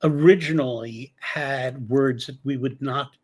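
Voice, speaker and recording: A man hosts a radio interview at an unhurried, slow pace. He speaks haltingly, with many pauses and restarts. His voice sits at an ordinary middle pitch for a man. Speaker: radio show host.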